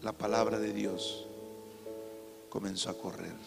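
You're a Peruvian man preaching your testimony: gravelly, passionate, drop to a near whisper and then build to shouts. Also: fairly low pitch, fairly even intonation, measured pace. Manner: emotional preaching, swings from hushed to shouting. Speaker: pastor. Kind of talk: testimony sermon to teenagers. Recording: reverberant hall with faint music. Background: faint instrumental music.

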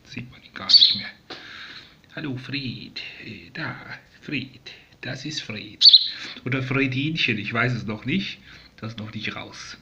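A man talking softly and doting to a young sparrow he is raising, coaxing it and explaining to viewers in a casual home video. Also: mid-range voice, slow pace, muffled recording, background noise. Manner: coaxing, soft and doting, often dropping to a whisper. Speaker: vlogger raising a rescued sparrow. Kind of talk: casual talk to a bird and viewers. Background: sparrow chirping.

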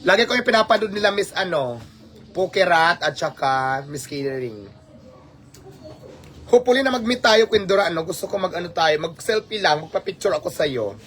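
A man's voice: fairly high pitch, expressive, brisk, a bit bright. A man from the Philippines with a Filipino accent, talking casually to his live-stream viewers, exasperated and rhetorical, dropping English phrases into his speech. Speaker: livestream host.

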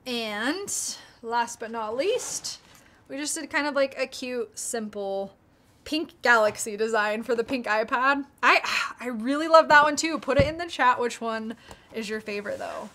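A woman's voice: fairly high pitch, unhurried, bright, forceful tone. A young American woman casually chatting on a livestream, bubbly and reading out viewer comments. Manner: bubbly, reads out chat comments. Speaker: YouTuber hosting a livestream.

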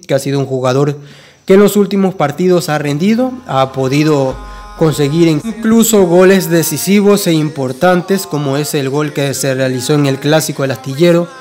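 Brief: young man, slightly high voice, casual fan-channel sports update with faint music underneath. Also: a little mellow. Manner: conversational, frequent fillers and restarts. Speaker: football channel host. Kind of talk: casual fan news commentary.

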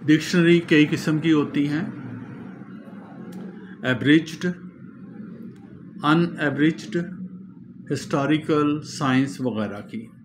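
Slow-spoken male teacher. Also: a little high, noisy background. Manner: slow, explanatory, spells words out letter by letter. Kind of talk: classroom lecture.

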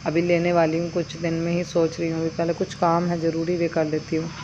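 A chatty woman with a lowish voice talks through her cooking in a village kitchen, explaining each step in a homely way. The sound is dull and lo-fi, and crickets and insects chirp clearly behind her. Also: monotone, brisk. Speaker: village vlogger. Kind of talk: cooking vlog narration. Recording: dull lo-fi sound with outdoor noise.

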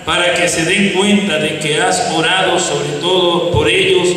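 A man's voice: high voice, steady tone, a little slow, sharp tone. A man solemnly reading prayer petitions in an echoing church. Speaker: reader of intercessions. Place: inside a church at a lectern. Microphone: handheld microphone. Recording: echoey church, distant, faint noise.

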